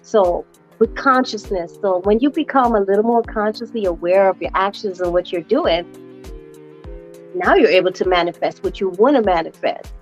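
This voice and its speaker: A woman's voice: medium pitch, moderate pace, lo-fi sound, soft background music. A woman hosting a casual interview, encouraging and chatty, often saying "you know". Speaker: host.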